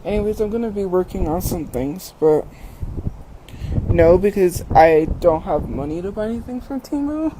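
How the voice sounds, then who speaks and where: A woman's voice: on the low side, lively intonation, normal speed. A woman chatting casually on a livestream, speaking in an emphatic, defensive way and repeating phrases, recorded outdoors in the wind. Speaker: livestream host. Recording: windy, noisy outdoor phone recording.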